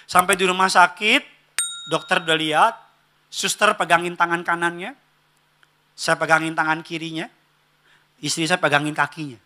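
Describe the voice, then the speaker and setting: A male pastor preaching in a church with a high, ringing voice that has a sharp, piercing brightness. He is animated and comic, jumping from shouted punchlines to hushed asides and slipping into little character voices for family scenes. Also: normal speed, long pauses. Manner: animated and humorous, swinging from loud exclamations to hushed asides. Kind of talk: sermon.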